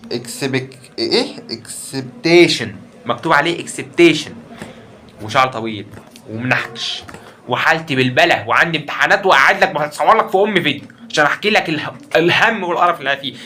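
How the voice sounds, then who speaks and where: Young egyptian guy venting to his viewers, slightly high voice, keeps repeating himself. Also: fast talker, sharp tone, slight background noise. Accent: Egyptian Arabic. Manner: emotional, repetitive, keeps calling out to viewers. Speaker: YouTuber. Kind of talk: ranting vlog monologue.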